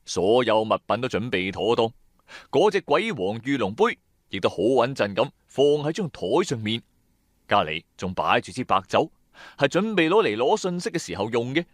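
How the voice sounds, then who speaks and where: Here a medium-pitched male narrator, sing-song and moderately paced, performs a scripted first-person audio drama with a Cantonese accent. He tells it like a colloquial, dramatic storyteller, leaning on sentence-final particles. It's a dry, studio-quality recording.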